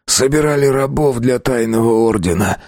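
A man voicing a captured bandit leader who speaks hoarsely and sullenly. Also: mid-range voice, moderate pace, a little mellow, no echo, clean studio sound, pitched above the performer's own voice, lightly acted. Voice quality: hoarse, wheezing.

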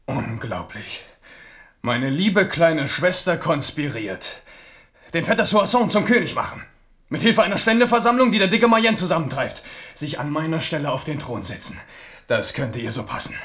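A man's voice: a little high, expressive, moderate pace, a bit bright. An amorous, commanding French king. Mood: indignant, commanding. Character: King Henri, worldly amorous monarch, passionate and commanding. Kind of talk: 1970s German radio drama acting.

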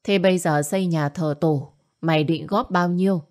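A woman's voice: lowish voice, fairly even intonation, moderate pace, darkish tone, close to an everyday voice. A woman voicing an older, domineering mother who scolds and wails in self-pity. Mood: nagging. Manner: scolding, nagging, wailing.

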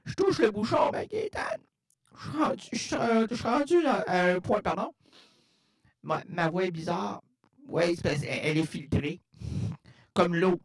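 A man's voice: sits high, animated, normal speed, creaky, husky. Man through a voice changer filter. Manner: stammering, jokey wordplay. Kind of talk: rambling comic monologue.

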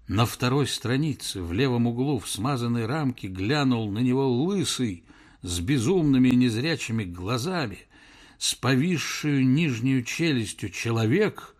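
A man narrating a story in expressive, scripted audiobook style. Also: medium pitch.

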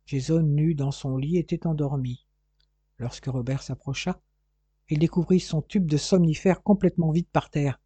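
A man narrating a novel as an audiobook in a steady, even storytelling manner. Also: a little high, normal speed, breathy edge, no echo. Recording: muffled, dry lo-fi recording.

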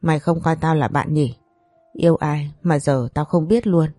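A woman voicing a sharp-tongued young woman friend who grumbles in exasperation. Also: low voice, fairly even intonation, normal speed, dry recording, soft background music. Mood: exasperated.

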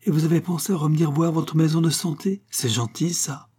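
A man voicing a young woman nurse who speaks courteously and gently, with a slightly raised pitch. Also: a little fast, husky. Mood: polite interest.

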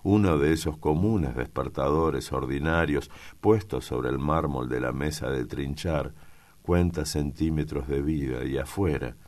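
A man from Argentina reading a classic novel aloud in a measured narration. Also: extremely low pitch, darkish tone. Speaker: audiobook reader. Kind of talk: scripted literary narration.

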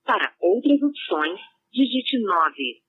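A woman voicing an automated voicemail system, with a flat, mechanical delivery. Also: on the high side, slow, husky, full character voice. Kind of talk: automated phone menu. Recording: tinny phone line.

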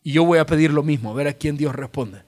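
A bold, mocking old prophet with a Salvadoran accent, as a preacher puts him on. He talks with a taunting, self-assured edge, and his voice sits a little high for a man. It is told as sermon storytelling. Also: fast talker, darkish tone, lightly acted. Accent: Salvadoran Spanish. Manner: taunting, sure of himself.

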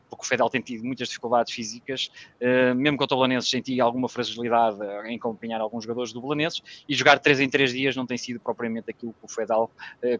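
A man with a European Portuguese accent talks football at a brisk clip, setting out his analysis one point after another. The audio is muffled and lo-fi. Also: mid-range voice, fairly bright tone. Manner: analytical, lays out points in order. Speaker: football commentator guest. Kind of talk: casual football analysis chat.

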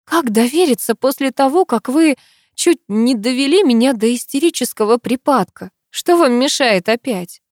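A woman's voice: sits high, animated, moderate pace, dry recording, voice pushed up. Young heroine, tense and pleading, raised and strained, a woman acts her, dry close sound. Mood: defiant. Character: frightened, defiant young heroine. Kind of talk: audiobook character voice.

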